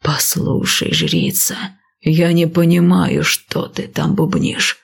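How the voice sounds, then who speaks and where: A woman's voice: deep voice, big pitch swings, takes it slowly, vocal fry, slightly rough, full character voice. A woman voicing an old male snake chief, stern, speaking in a hissing whisper.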